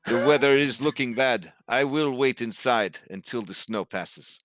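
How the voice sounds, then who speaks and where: A man's voice: medium pitch, a little slow, fairly bright tone, no room sound, lightly acted. A man playing a stern, suspicious townsman with a formal, distrustful manner in a tabletop game. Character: gruff, suspicious townsman, stern and narrow-eyed.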